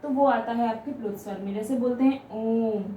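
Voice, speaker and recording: A woman teaching grammar, explaining step by step, asking questions and answering them herself, and stretching out example sounds slowly. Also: fairly high pitch, warm tone, slight background noise. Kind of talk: classroom explanation. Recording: echoey room, voice from a distance.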